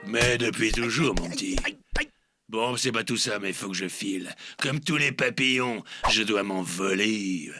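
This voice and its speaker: A man's voice: lowish voice, measured pace, pushed and bright, no room sound, studio quality. A man voicing a pompous, fatherly cartoon butterfly with a solemn, lofty delivery. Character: pompous fatherly male butterfly, grandly wise. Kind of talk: animated cartoon dubbing.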